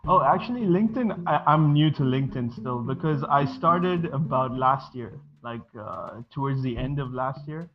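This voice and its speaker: A co-founder of a design studio, a man in his twenties born in Sri Lanka and raised in Bahrain, answers interview questions as a guest. His medium-pitched voice is expressive and moderately paced with hardly any pauses, yet he sounds casual and hesitant, with many fillers and restarts. The audio is dull and lo-fi, with music playing behind him.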